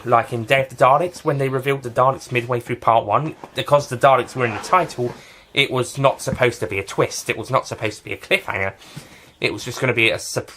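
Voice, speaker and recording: A man's voice: medium pitch, bright, forceful tone. A man giving a casual spoken review of a TV series, rambling and often restarting and correcting himself.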